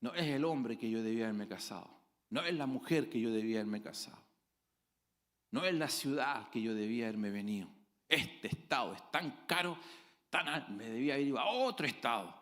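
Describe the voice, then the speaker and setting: A man preaching a sermon as pastor, dramatic, with sudden loud exclamations and acted-out voices of his congregation. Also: mid-range voice, expressive, brisk. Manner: acts out quoted voices of congregants.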